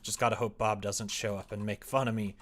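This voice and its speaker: A young man writing a visual novel on stream talks casually to viewers from his computer desk in a room, muttering while typing before perking up for replies. He speaks fairly quickly, his pitch fairly low, the tone level but fairly bright.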